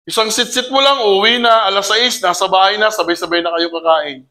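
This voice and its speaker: A man leads a community orientation, talking to his audience in a lively seminar style. His voice sits high and sounds bright and forceful. He slips English phrases into his talk and keeps putting rhetorical questions to the room. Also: brisk.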